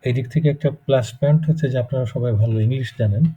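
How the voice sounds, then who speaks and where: A man's voice: medium pitch, very fast, dark tone, slightly rough. A man with a Bangladeshi Bengali accent teaching German pronunciation in a live class, explaining step by step and checking in with students. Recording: muffled lo-fi recording.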